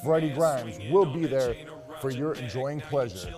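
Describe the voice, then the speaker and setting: A man's voice: medium pitch, lively intonation, a little slow, over music. A man co-hosting a comedic festival infomercial, announcing acts in a mock-dramatic, repetitive and profane way.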